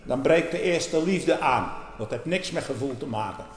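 A man preaching a fiery sermon, dropping to low murmurs and then bursting out loudly. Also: lively intonation, normal speed, soft background music. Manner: fiery, swings from low murmurs to loud outbursts. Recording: echoey hall, reverberant.

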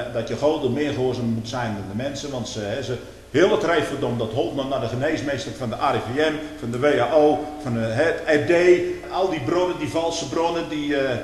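A man's voice: moderate pace, a little hiss or hum. Emphatic man in a reverberant hall. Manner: swings between loud emphatic declaiming and low conversational asides. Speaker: preacher. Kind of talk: sermon.

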